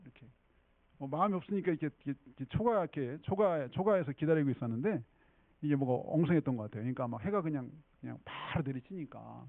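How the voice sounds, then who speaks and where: Animated high-voiced male pastor. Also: creaky, no echo. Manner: chatty storytelling with frequent checks on the congregation. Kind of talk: sermon. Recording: tinny phone-like dry sound.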